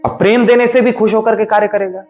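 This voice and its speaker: A man's voice: high-pitched, steady tone, fast talker, darkish tone, soft background music. A man, a spiritual teacher, giving a devotional discourse in an emphatic, explanatory way. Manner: emphatic, explanatory, rises and falls sharply for stress.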